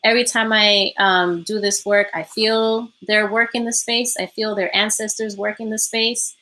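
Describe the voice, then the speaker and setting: Over a remote call from home, a woman leads a healing workshop, reflecting aloud with lots of ums and a habit of closing points with "right?". Her mid-range voice holds a steady tone at a moderate pace, sounding pushed and bright. The audio is poor, with a little hiss or hum.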